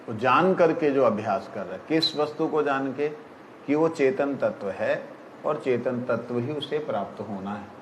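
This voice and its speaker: A man giving a spiritual discourse on scripture, explaining verses slowly and often checking whether his listeners have understood. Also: mid-range voice, roomy sound, slight background noise, rough recording. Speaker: spiritual teacher.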